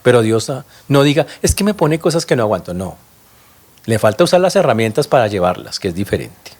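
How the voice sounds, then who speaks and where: A man preaching a sermon as pastor, emphatic and animated, questioning his congregation directly and tossing in sharp interjections. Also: mid-range voice, brisk.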